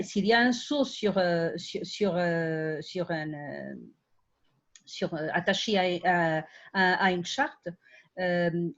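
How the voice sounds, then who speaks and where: A woman with a foreign accent in French, speaking as a non-native academic on a panel. Her delivery is slow and halting, with restarts while she looks for the right word. The recording is slightly dull and lo-fi. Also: medium pitch. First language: not French. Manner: halting, searching for words, with frequent restarts. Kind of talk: unscripted round-table academic discussion.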